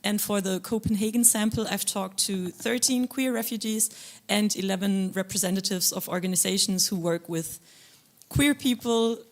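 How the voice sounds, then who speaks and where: A woman researcher on a panel, speaking in a measured, articulate way. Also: medium pitch. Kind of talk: panel discussion.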